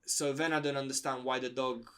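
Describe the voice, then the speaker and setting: A man's voice: mid-range voice, fairly even intonation, brisk, fairly bright tone. A man co-hosting an advice podcast, giving blunt, opinionated takes in casual chat. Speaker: podcast co-host.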